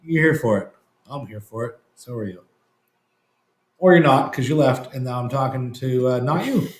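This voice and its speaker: A man's voice: medium pitch, lively intonation, moderate pace. A man co-hosting a loose, casual chat who jokes constantly and laughs easily. His voice sits in a middle range. The sound carries the echo of a bare room. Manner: joking, laughs a lot. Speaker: co-host.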